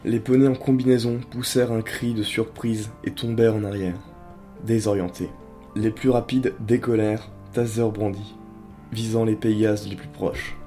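Mellow low-voiced male storyteller. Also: little pitch movement, normal speed, faint music behind. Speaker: narrator. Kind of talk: dramatic reading of a story.

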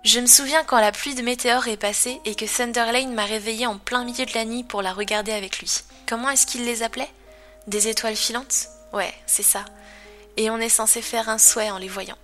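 A woman's voice: a little high, fairly even intonation, fairly quick, a bit bright, faint music behind, natural voice. A woman voicing a cheerful young boy pony in a storybook reading. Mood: wistful.

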